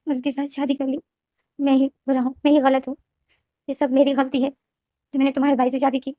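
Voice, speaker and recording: A woman's voice: high-pitched, warm tone, dry recording, studio quality, natural voice. A woman voicing a hurt, tearful young man in a storybook retelling, speaking in pleading, self-blaming outbursts.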